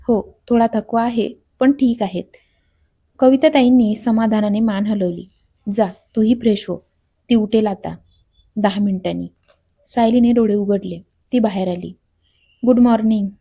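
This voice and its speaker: A woman narrates a romantic story aloud in a mellow, somewhat high voice with a breathy edge. She reads every character's dialogue in her own voice.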